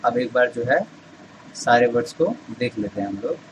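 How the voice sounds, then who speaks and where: A man's voice: mid-range voice, normal speed, background noise. A man teaching English vocabulary in Hindi, explaining step by step and answering his own rhetorical questions. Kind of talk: Hindi vocabulary lesson with memory tricks.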